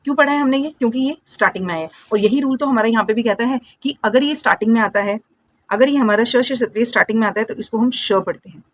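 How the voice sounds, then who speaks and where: Higher-voiced woman teaching phonics. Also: no echo. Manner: asks questions and answers them herself, repeats words slowly; patient, calls viewers "my dear friends" and "beta". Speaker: English teacher. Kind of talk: classroom phonics lesson.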